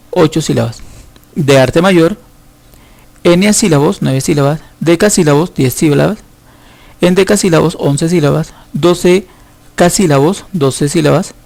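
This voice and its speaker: A male teacher walks students through a lesson, patient and explanatory, pausing to think aloud. His voice sits a little high for a man and carries a gravelly edge. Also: a little mellow. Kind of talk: recorded school lesson.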